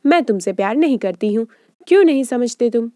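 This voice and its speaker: A woman's voice: a little high, expressive, a little fast, mellow, no room sound, clean studio sound, natural voice. A woman voicing a stubborn, flustered young woman who pushes back in a romance drama recap. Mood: defensive.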